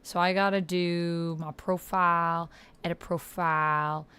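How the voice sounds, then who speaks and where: A woman hosts and plays on a livestream, chatting informally, thinking out loud and reading on-screen text. Her voice is lowish, level and unhurried, with a sharp, clean tone.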